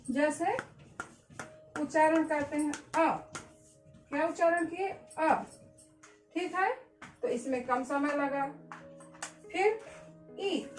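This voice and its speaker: A woman teacher giving a lesson slowly, repeating key words and asking questions she answers herself. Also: sits high, reverberant, poor audio. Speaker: school teacher. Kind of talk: classroom-style lesson.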